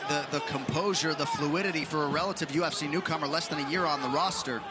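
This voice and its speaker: Male fight announcer, polished live play-by-play, fairly high pitch, very noisy arena. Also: fast talker. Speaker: play-by-play commentator. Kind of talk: live MMA play-by-play commentary. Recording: loud arena crowd behind commentators.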